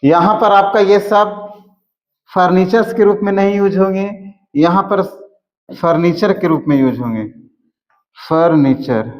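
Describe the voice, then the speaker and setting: A man teaching English grammar, explaining slowly and repeating words as he writes out examples. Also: high voice. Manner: slow, repeats words while writing examples. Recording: echoey room, dull lo-fi sound.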